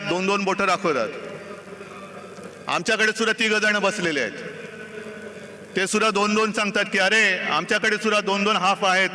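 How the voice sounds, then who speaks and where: A man's voice: sits high, pushed and bright, slight background noise. Emphatic man addressing a rally. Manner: emphatic, sarcastic oratory with long pauses. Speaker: political party leader addressing a rally. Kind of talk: rally speech. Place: large outdoor rally ground. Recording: echoey open-air PA sound.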